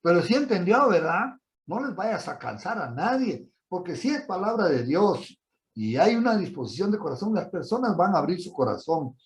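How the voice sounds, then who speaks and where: A man's voice: high voice, sing-song, normal speed. A man preaching a sermon, telling a personal story and then asking listeners emphatic rhetorical questions.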